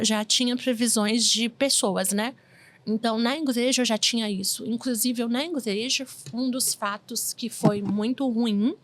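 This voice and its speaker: Woman in her 40s, interview guest, lively storyteller who acts out quotes, slightly high voice. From Brazil.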